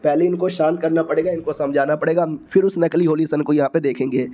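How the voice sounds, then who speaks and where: A high-pitched man recapping a comic story in a chatty, colloquial manner. His voice is mellow and dark-toned despite the height. He keeps an animated, offhand flow as he narrates. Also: fast.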